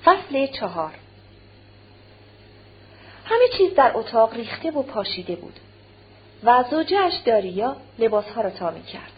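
A woman narrating an audiobook of a classic novel in a measured, formal reading, in a dull recording with a faint hum. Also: a little high, big pitch swings, slightly rough. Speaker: audiobook reader.

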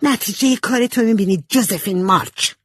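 A woman voicing a spoiled, pouty young girl in a storybook reading, with a high childish whine. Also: lively intonation, a little mellow, dry recording. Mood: spiteful.

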